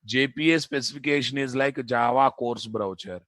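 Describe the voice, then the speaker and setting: A man's voice: medium pitch, moderate pace, a bit bright, no room sound. A man with a Telugu Indian accent giving an informal live technical lecture as a programming instructor, repeating phrases for emphasis and answering his own questions. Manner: informal, addresses students as boss.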